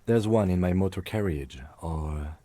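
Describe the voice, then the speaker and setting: A man voicing a calm, precise police lieutenant in a video game, reserved in manner. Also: deep voice, unhurried, no room sound. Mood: composed.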